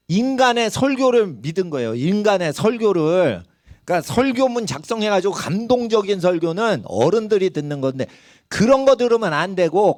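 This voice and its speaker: A man's voice: high-pitched, no echo, studio quality. A middle-aged male pastor preaching a sermon, acting out quoted voices and dialects.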